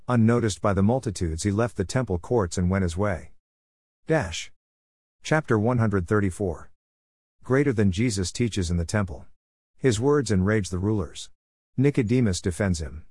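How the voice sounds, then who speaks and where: A man with a fairly low voice narrates a religious text in a measured, even reading. The sound is dry and close to the mic, with no room around it. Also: no echo. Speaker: audiobook narrator.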